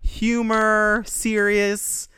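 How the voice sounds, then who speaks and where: A podcast host leading a casual book discussion in a rambling, excitable way. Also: mid-range voice, extremely slow, smooth, dry recording.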